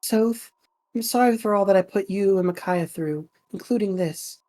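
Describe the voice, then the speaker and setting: A woman voicing a gentle, resigned young king with measured, formal, noble delivery in a video game story. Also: medium pitch, close to an everyday voice. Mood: sorrowful farewell. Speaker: reader of a game character's lines. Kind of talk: dramatic video game dialogue reading.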